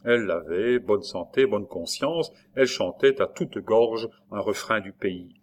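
A man reading a classic novel aloud in a measured, even storytelling manner. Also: fairly low pitch. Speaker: narrator.

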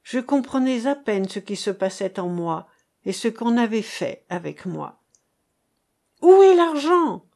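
Woman audiobook reader, slow and measured literary narration. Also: mid-range voice, vocal fry, mellow. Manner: measured, unhurried reading.

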